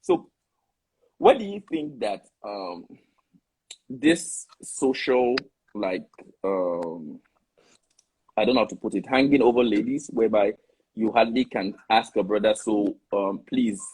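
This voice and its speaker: A male host with a slightly husky voice and a lively, swooping pitch. He talks in a casual live discussion, animated, stumbling through restarts and laughing often. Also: a little slow, long pauses, low-quality recording.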